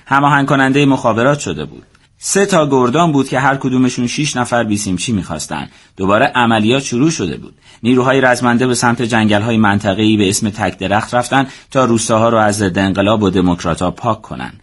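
Steady male audiobook narrator. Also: lowish voice. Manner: steady, measured storytelling.

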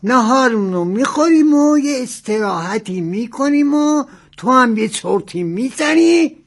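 A man's voice: very high voice, expressive, vocal fry, heavily acted. An actor playing a fussy, bossy old male passenger who scolds and gives orders stubbornly. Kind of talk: comedic acting.

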